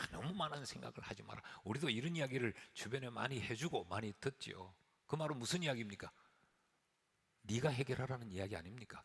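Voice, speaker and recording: A male pastor preaching a sermon, swinging from whispers to shouts. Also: fairly low pitch, husky. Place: church sanctuary. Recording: long church hall reverb.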